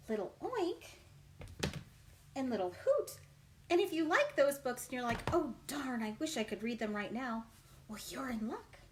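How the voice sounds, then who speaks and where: With a voice that sits high and some slight background noise, a woman runs a children's storytime as a librarian. She reads aloud and chats animatedly, encouraging the kids in an exaggerated manner and putting questions to them.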